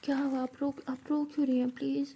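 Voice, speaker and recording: A woman voicing a playful, affectionate young woman who speaks softly, often in a whisper. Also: high-pitched, level tone, fast, slight background noise. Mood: tender.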